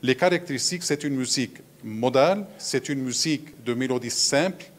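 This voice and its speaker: A man's voice: mid-range voice, a little fast. A man, a musicologist explaining things at a round table, with frequent hesitations. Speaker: musicologist on a panel. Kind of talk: round-table lecture talk.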